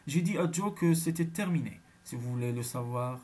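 A man reading a young, newly married woman's lines in an audiobook, answering with quick, indignant retorts. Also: medium pitch, animated, darkish tone, husky. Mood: defiant.

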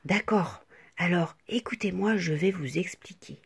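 A woman's voice: lowish voice, a little slow, creaky, husky, pitched below the performer's own voice, heavily acted. A woman voicing a small, shy little girl ink blot who speaks timidly and hopefully. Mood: coaxing.

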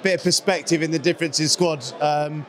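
Young man with a flat, slightly high voice. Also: fairly quick. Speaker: football pundit guest. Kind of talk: casual football chat. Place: small studio set with a painted wall backdrop. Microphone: handheld mic.

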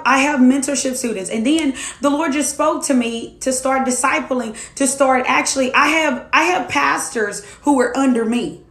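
She is a twenty-something minister and life coach sharing her testimony with viewers, preaching emphatically and repetitively. Her voice is high and slightly bright, and the recording sounds roomy.

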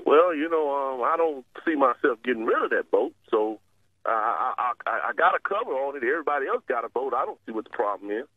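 A prank call target argues over the phone, combative, stubborn, and repetitive. He talks fast in an animated, husky, mid-range voice, captured dry on a dull lo-fi line.

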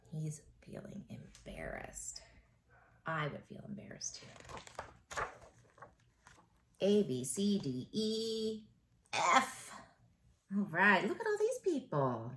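With a fairly low-pitched voice, a middle-aged woman who teaches elementary school reads a picture book to young kids. She's expressive and encouraging and pauses to pose questions to them. Slight background noise can be heard.

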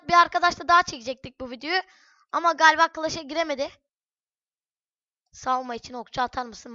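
A woman giving chatty let's-play commentary on a headset mic at home, cursing and breaking into loud shouts. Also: sits high, dry recording, muffled recording. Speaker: gaming channel host. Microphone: headset microphone.

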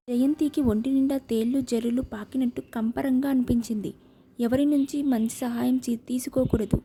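A woman narrating an audiobook novel with a steady, expressive reading. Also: a little high, slight background noise.

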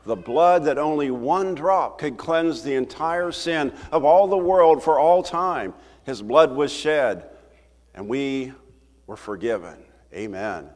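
Older pastor preaching in a reverberant sanctuary. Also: male voice, a little high, slow. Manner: animated, conversational preaching with wide gestures. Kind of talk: sermon. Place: church sanctuary, at a wooden pulpit. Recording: roomy hall reverb from the sanctuary.

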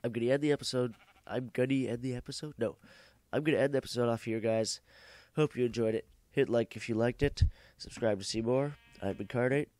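A man's voice: mid-range voice, fairly quick, a little mellow, no room sound. A young man with a cough, giving rambling, joking gameplay commentary and swearing freely. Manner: rambling, joking, swears freely, corrects himself mid-sentence. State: sick with a cough. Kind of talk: casual let's-play commentary.

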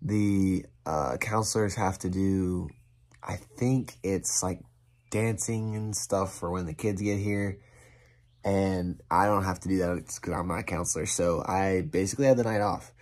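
Young man, low voice, casual selfie vlog, tired, lots of fillers. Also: measured pace, no room sound. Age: young adult. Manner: relaxed, rambling, many fillers. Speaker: vlogger, camp staff. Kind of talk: casual vlog talk to camera. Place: outdoors at a summer camp, and on a cabin floor. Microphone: phone held at arm's length.

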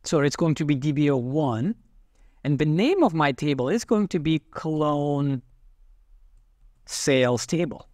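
A man with a fairly high voice talks through a software lesson, explaining each step in a calm, methodical way as he types. The sound is dry and close, with no room around it. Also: a little slow, long pauses, dry recording. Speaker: software instructor. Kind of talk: screen-recorded tutorial narration.

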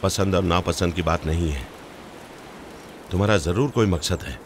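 A deep-voiced wary writer. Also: male voice, normal speed, slight background noise. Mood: angry. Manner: dry, suspicious questioning. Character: wary young male writer, dry-humoured. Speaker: writer in a romance. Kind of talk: Hindi film dub.

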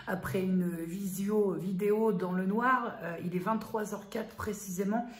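A woman's voice: mid-range voice, fairly even intonation, measured pace. A woman vlogger chatting casually and familiarly to her viewer, a little self-mocking. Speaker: beauty vlogger. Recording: roomy echo, faint background noise.

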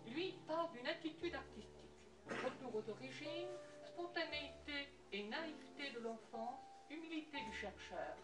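A woman giving a measured, poetic scripted narration about an art exhibition. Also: high-pitched, lively intonation. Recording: roomy, distant voice with music underneath.

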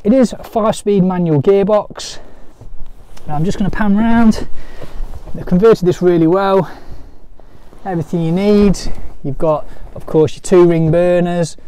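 Man, dealer walk-around, upbeat sales patter, soft mellow tone, handheld phone outdoors and in a van. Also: sits high, a little slow, clear, resonant tone. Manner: upbeat sales patter, often repeats words. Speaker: motorhome dealer presenter. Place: outdoors beside a camper van, then inside it. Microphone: phone camera held by the speaker.

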